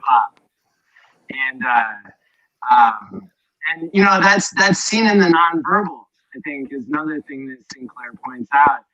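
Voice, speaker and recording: A man's voice: a little high, lively intonation, a little slow, a crowd in the background. A man chatting casually on a livestream, sounding tinny as if through a tin can, often adding "right?" while he reflects. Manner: reflective, often adds "right?" as a tag question. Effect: tinny, tin-can-like microphone sound. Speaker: livestream panelist. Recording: dull, tinny lo-fi microphone.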